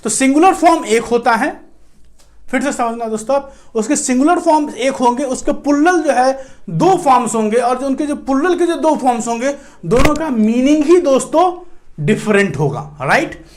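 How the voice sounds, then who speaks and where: A man's voice: very high-pitched, lively intonation, normal speed, darkish tone. A man with an Indian accent teaching English grammar, switching between Hindi and English and checking in with "right" after nearly every sentence. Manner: mixes Hindi and English, keeps asking "right" and calling viewers friends. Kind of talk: classroom grammar lecture.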